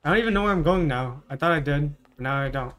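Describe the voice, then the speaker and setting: A man's voice: a little high, lively intonation, fast talker, fairly bright tone. A man chatting casually while playing a game with friends, joking and laughing often. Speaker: game player. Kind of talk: casual gaming chat.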